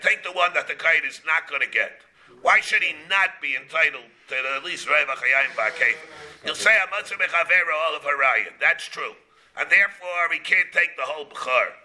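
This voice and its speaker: A man's voice: a little high, sharp tone. A man, a rabbi, teaching a Talmud class in short repeated phrases, posing questions and answering them. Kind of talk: Talmud lesson, reading and explaining.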